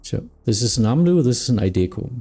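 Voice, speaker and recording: A man streaming as an air traffic controller, mixing procedural clearances with casual chat. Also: mid-range voice, sing-song, quick pace, mellow, soft background music.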